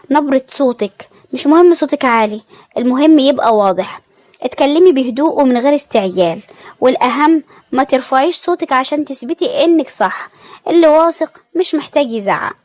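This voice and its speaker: High-voiced Egyptian woman, calm advice. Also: no echo. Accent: Egyptian Arabic. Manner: calm, measured advice in short phrases. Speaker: narrator. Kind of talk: scripted self-help narration.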